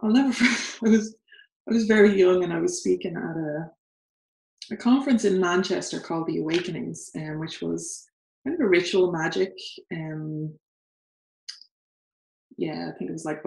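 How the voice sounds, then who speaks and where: In a home sitting room, an Irish woman in her thirties with a low, gravelly voice co-hosts an earnest, casual conversation, with an Irish accent. She sounds thoughtful and laughs between points, and a far camera records the room's roomy echo.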